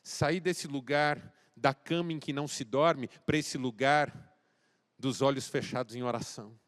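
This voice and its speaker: A male pastor from Brazil preaching a sermon, swinging between loud exhortation and quiet, intimate address, acting out dialogue as he tells a story. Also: mid-range voice, fairly even intonation, a little slow.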